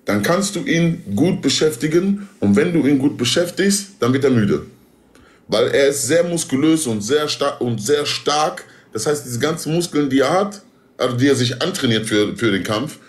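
A man chatting casually on a group livestream, giving emphatic fight advice in street slang sprinkled with Arabic oaths. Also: medium pitch.

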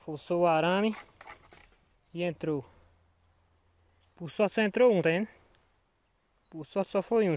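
Standing outdoors in an open cornfield, this Brazilian farmer with a Northeastern accent talks for his vlog in a slightly high, somewhat mellow voice, a bit hoarse from a cold. His casual chat is folksy and repetitive, with lots of little check-ins to the viewer, all caught on a noisy handheld recording.

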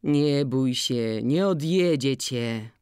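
Lady doing a sly old farmer guy, low and slow, dry close sound. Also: a little mellow, smooth, dry recording. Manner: slow, measured, low-key.

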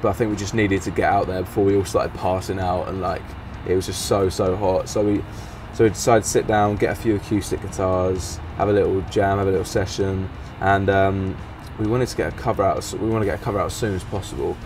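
A young man with a London accent, casually recounting his band's first days in a relaxed, rambling way full of fillers. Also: low voice, fairly quick, few pauses, far from the mic, noisy background. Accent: London English. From England. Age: young adult. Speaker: band member. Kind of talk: casual recap interview. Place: outdoor garden seat in warm sun.

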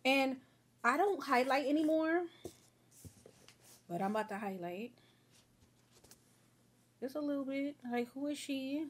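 A beauty vlogger, a young woman, does her makeup at home in a casual get-ready-with-me chat, rambling in a friendly way and calling viewers "y'all" and "girl." Her high-pitched, expressive voice moves at a measured pace with frequent pauses. She's a little sniffly from a sore throat.

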